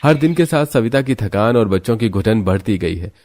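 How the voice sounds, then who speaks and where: A man narrating a scripted family story in a steady storytelling manner. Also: fairly low pitch, moderate pace.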